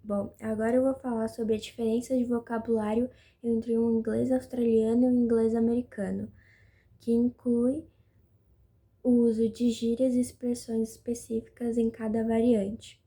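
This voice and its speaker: A young woman reads a prepared text in a flat, very dark, husky voice. Her delivery is steady and measured, like a class presentation. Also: a little high. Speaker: student presenter. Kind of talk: school presentation.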